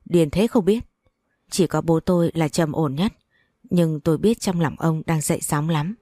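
A woman reading a first-person story aloud in an even, unhurried narrating manner. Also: low-pitched, no room sound, clean studio sound. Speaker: audiobook narrator.

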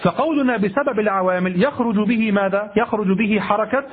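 Husky-voiced man teaching grammar. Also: high-pitched, brisk. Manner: repeats phrases, checks listeners with "ha?"; self-correcting, asks rhetorical questions. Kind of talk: classroom lecture on Arabic grammar. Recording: tinny lo-fi phone-like recording.

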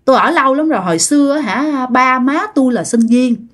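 A woman's voice: high-pitched, expressive, brisk, fairly bright tone, voice pushed up. A woman with a Southern Vietnamese accent voicing the male spirit of an unborn child, talking in a plaintive, repetitive, resentful way.

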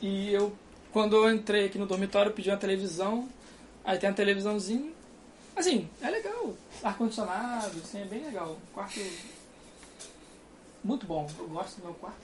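Talking from a dorm room, this young man from Brazil speaks Carioca Portuguese in a high, brisk voice, a slight hiss or hum audible behind him. He's a guest in a loose, rambling chat and laughs a lot.

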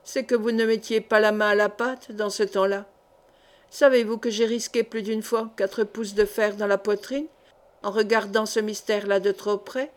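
A woman reading the part of a cunning, sneering middle-aged male seneschal in an audiobook, in a measured, calculating way. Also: mid-range voice, fairly even intonation, lightly acted. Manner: sly, sneering.

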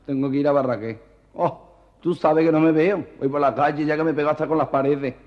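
A man voicing a camp, plastered, half-blind man who tells his story in a high, breathless and theatrical way, on a muffled old cassette. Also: steady tone, fairly quick, long reverb tail, close to an everyday voice. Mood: dramatic, plaintive.

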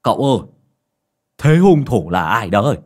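A man voicing a nosy, bald older village man who stammers and blusters loudly. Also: lowish voice, big pitch swings, normal speed. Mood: curious.

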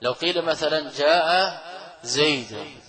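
A man delivering a grammar lecture with a slightly high voice. He explains step by step, repeats key phrases and quizzes his students with rhetorical questions. He chuckles often while he teaches. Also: unhurried, a bit bright, low-quality recording. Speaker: Islamic scholar teaching Arabic grammar.

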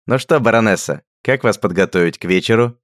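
A man voicing a mocking, jokey young male friend who talks loud, teasing and lively. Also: lowish voice, fairly quick, no room sound, studio quality, pitched above the performer's own voice, close to an everyday voice.

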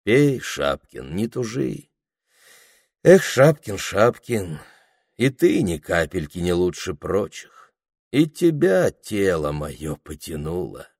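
A worldly woman in a spoken storybook talks in a chesty, sorrowful voice edged with mockery, as a man puts her on. The man's voice stays fairly low and sounds close and dry. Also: sing-song, takes it slowly, darkish tone, breathy edge, no echo, exaggerated voice. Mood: bitter. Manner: chesty, mournful, mocking.

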